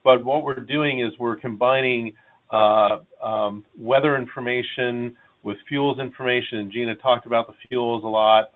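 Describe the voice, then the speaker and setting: A man, a meteorologist, presenting on a webinar over a video call, halting often to pause and restart. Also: mid-range voice. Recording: tinny phone-like call audio.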